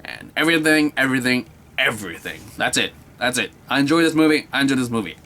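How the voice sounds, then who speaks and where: A man's voice: medium pitch, animated, quick pace, bright, forceful tone, a little hiss or hum. A young man giving a casual, enthusiastic movie review, rambling and repeating himself with many filler words.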